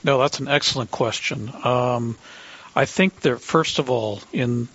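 A man giving an earnest, measured interview answer as a business-owner guest, pausing between phrases. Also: medium pitch, a bit bright, husky. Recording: dull band-limited radio sound.

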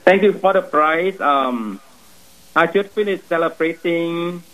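Vietnamese-accented priest, higher-pitched man. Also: a little slow, sharp tone, rough recording. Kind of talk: personal vocation story.

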